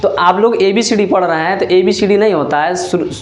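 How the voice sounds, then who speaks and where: A man teaches in a classroom with a somewhat high voice. He sounds out each letter slowly and keeps asking his listeners if they follow. The room echoes around him. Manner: drills letter sounds slowly, checks with "ठीक है?". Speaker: teacher trainer. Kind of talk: classroom lesson.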